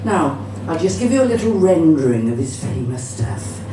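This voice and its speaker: A middle-aged woman from Cardiff, Wales, with a Cardiff Welsh accent, does live stand-up in a chatty, bawdy style and swears freely. Her low voice is very animated at a normal pace. The live venue recording is roomy, distant and noisy.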